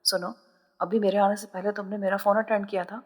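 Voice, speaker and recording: A woman voicing a confident, teasing young man in an audio novel, relaxed but pointed. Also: medium pitch, in a large hall, lightly acted. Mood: probing.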